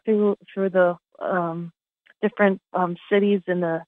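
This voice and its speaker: Calling into a phone line, a middle-aged New Jersey woman with a faint local accent talks casually in a hesitant, tentative way. She speaks unhurriedly in a lower voice with fairly even intonation. There's no room sound, just a dull, low-fidelity phone-call quality.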